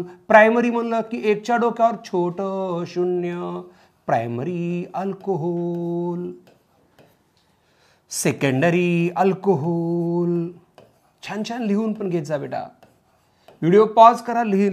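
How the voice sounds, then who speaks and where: A man teaching chemistry to a class drills them loudly, his voice sitting high, and sings out compound names in a chanting, sing-song manner.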